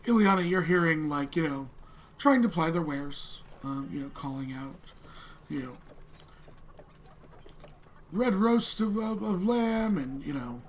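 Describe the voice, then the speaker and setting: A man narrating an improvised tabletop game as game master in a halting, conversational way. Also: fairly high pitch, lively intonation. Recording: clearly noisy room.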